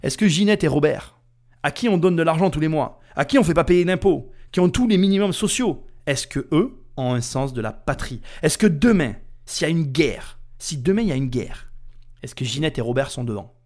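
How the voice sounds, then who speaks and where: Male podcast host, angry rant, lively swooping pitch, somewhat high voice. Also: moderate pace. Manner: heated, indignant, addresses listener directly. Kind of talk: ranting podcast commentary.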